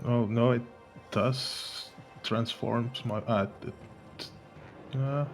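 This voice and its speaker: A man talking casually and haltingly as a player in a tabletop role-playing game. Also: medium pitch, steady tone, faint music behind. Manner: hesitant, halting.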